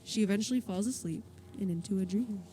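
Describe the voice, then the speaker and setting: A woman's voice: mid-range voice, fast talker, rough recording. A woman reading stage directions aloud as narrator of a musical, in a plain, matter-of-fact way with dry little asides.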